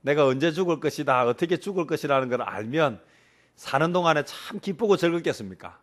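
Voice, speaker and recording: A man with a slightly high voice delivers a sermon from the pulpit. He keeps asking his listeners questions and then answers them himself. Now and then he acts out the words of the prayers he quotes. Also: animated, brisk. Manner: preaching with rhetorical questions, acting out quotes. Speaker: pastor.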